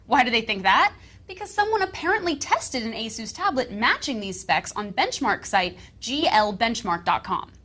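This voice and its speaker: A woman's voice: on the high side, very animated, moderate pace, fairly bright tone. A woman co-hosting a scripted tech rumor show with wry, skeptical banter.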